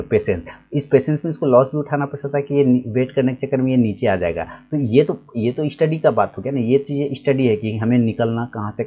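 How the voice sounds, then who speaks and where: A man's voice: mid-range voice, mellow, dull audio. A man teaching a casual trading lesson, explaining patiently and repeating his points as he writes on a board. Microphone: recorded while writing on a board.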